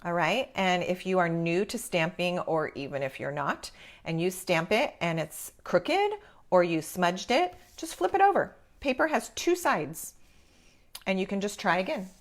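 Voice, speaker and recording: Chatty woman with a slightly low voice. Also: very animated, measured pace. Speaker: craft class host. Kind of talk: casual live craft tutorial, step by step.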